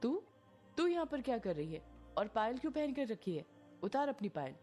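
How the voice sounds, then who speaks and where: A woman's voice: medium pitch, brisk, soft background music, lightly acted. A woman voicing a panicky middle-aged village man who hides his fear by barking orders at his wife. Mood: bullying. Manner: fearful muttering, then bossy shouting.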